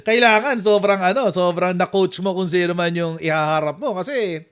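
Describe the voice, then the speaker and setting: A man with a Filipino accent doing casual live-stream commentary, animated and mocking, laughing often. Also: high voice, normal speed, background noise.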